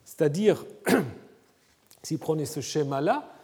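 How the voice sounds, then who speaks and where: A man giving an academic lecture in a conversational way, often checking in with his listeners with a quick "hein?". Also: on the high side, big pitch swings, a little mellow, slightly rough. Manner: conversational, frequent "hein?" tag questions. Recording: reverberant lecture hall.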